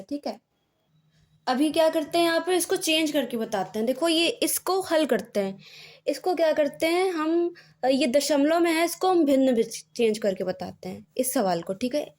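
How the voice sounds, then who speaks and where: High-voiced woman teaching exam maths. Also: darkish tone. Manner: explains step by step with fillers and repeated checks. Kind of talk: exam-prep video lesson.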